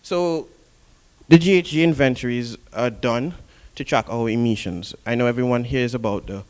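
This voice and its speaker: A man's voice: mid-range voice, normal speed, a little mellow. Man presenting at a conference. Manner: explanatory, reads from prepared points. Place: conference hall.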